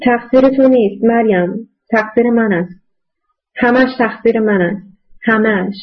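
A desperate young woman begs and argues with the police, as a woman reader puts her on. Her voice rises above the reader's usual pitch. The audiobook recording sounds dull and lo-fi. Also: lively intonation. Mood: weak, guilty. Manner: pleading, indignant.

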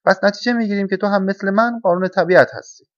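A man's voice: high-pitched, no room sound, pitched above the performer's own voice, close to an everyday voice. A man voicing a mildly mocking old oak tree in a storybook reading, speaking hesitantly and dismissively. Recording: dull, dry lo-fi recording.

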